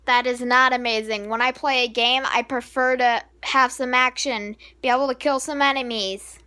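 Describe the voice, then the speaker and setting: Woman co-host, high bright voice, blunt dismissive reactions. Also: fairly even intonation, moderate pace, clear, resonant tone. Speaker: co-commentator. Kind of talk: reaction commentary.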